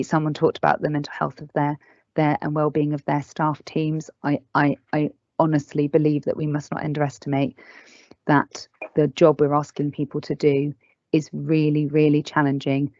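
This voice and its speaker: A woman's voice: deep voice, darkish tone, dry recording. A woman presenting at an online learning event, answering questions earnestly and candidly. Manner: earnest, candid, emphatic about staff and families. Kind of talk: webinar presentation and Q&A. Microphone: video call. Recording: dull, dry lo-fi call audio.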